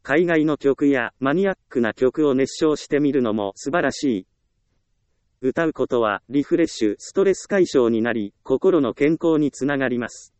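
A man giving scripted self-help narration in a calm, measured reading with frequent short pauses. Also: mid-range voice, smooth, no echo.

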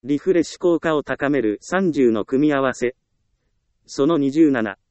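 A man giving scripted self-help narration in a calm, measured reading with frequent short pauses. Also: mid-range voice, clean tone, dry recording.

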